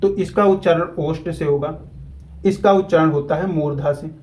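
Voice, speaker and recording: A man teaching a grammar lesson at a whiteboard, repeating key terms slowly so students can follow. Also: fairly high pitch, a little mellow, a little hiss or hum, low-quality recording.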